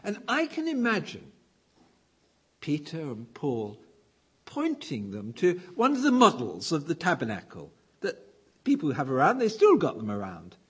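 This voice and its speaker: A man's voice: on the high side, huge pitch swings, measured pace, a bit bright, breathy edge. A man giving a sermon in a conversational way, asking the listeners questions and telling a story. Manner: conversational, asks the room questions. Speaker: preacher.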